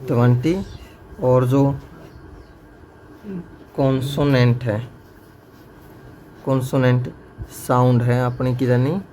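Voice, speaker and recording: A man's voice: mid-range voice, little pitch movement, slow, pauses often, mellow. A male teacher, teaching a grammar lesson to a class and drilling his students with repeated questions. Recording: faint background noise.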